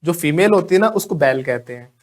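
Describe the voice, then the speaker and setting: A man teaching spoken English to a live class with an Indian English accent, lively and joking, quizzing students by name. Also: a little high, fairly quick.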